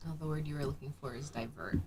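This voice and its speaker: A woman speaking calm, matter-of-fact remarks from across the room at home. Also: deep voice, fast talker, faint music behind. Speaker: host's wife, off-mic. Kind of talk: casual off-mic remarks. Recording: faint, off-mic with room noise.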